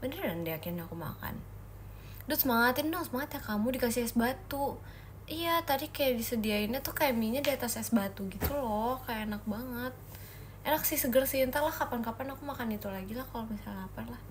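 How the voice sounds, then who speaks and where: A woman's voice: on the high side, lively intonation, a little fast, a little hiss or hum. A young woman from Indonesia chatting casually on a phone livestream, answering viewer comments in a playful, giggly way.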